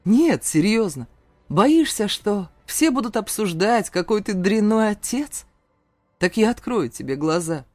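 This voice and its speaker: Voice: mid-range voice, very animated, unhurried, a little mellow, no echo, soft background music, pitched above the performer's own voice. An audiobook reader voicing a defiant young adult son who argues heatedly and pleads with his father. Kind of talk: audiobook character voice.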